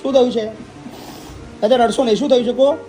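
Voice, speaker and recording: A man hosting and interviewing, asking gentle questions and reassuring the people he talks to. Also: extremely high pitch, steady tone, fast talker, faint music behind. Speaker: host and interviewer. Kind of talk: consoling interview.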